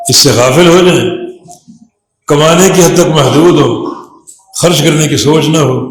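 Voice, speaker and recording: A man with a Pakistani Urdu accent giving a Friday sermon as imam, preaching a parable with rising emphasis. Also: a little high. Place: mosque hall. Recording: echoey mosque hall.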